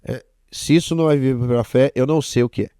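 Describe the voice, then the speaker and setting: A man's voice: medium pitch, quick pace, dark tone, no echo, clean studio sound. A Brazilian man, a guest apostle, telling a testimony animatedly and acting out the dialogue. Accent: Brazilian Portuguese. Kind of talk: testimony storytelling.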